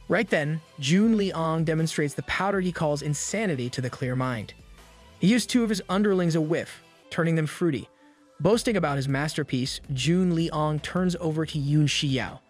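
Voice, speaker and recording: A man reading a scripted manga recap, brisk and steady, with the odd dry joke. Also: on the high side. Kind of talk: scripted narration. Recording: narration over background music.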